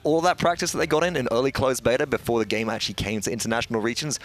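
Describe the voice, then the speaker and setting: Fast-talking esports caster. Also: male voice, mid-range voice, animated. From Wales. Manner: articulate, measured analysis, dry humor. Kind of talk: live esports commentary.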